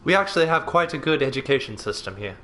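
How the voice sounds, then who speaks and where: A man's voice: mid-range voice, lively intonation, quick pace, sharp tone, slight background noise. Giggly young man streaming a game. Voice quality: giggly, joking, laughs often. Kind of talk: casual gameplay chat.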